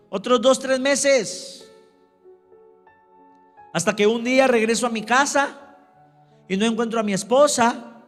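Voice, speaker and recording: A man's voice: extremely high pitch, fairly bright tone, long reverb tail. A man preaching a sermon as pastor, emphatic, who keeps calling out to his congregation. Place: church.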